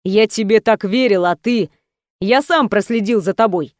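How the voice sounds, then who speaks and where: A jealous young man snaps in curt, gruff, scornful lines, as a woman narrator voices him. The voice sits at an ordinary middle pitch. It is recorded dry and close for an audiobook. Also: moderate pace, dry recording, close to an everyday voice. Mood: angry. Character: angry jealous young man, harsh and accusing. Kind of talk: audiobook character voice.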